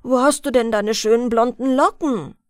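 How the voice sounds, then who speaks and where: A woman's voice: on the high side, moderate pace, a little mellow, no echo, clean studio sound, close to an everyday voice. A woman voicing a bewildered young man who has forgotten his home, speaking in a plain, puzzled way in a fairy-tale audiobook.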